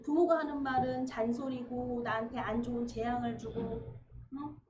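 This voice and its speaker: A woman preacher giving a conversational sermon, acting out everyday dialogue with sudden lively bursts. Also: a little high, normal speed. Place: church sanctuary. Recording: echoey room, dull lo-fi sound, faint noise.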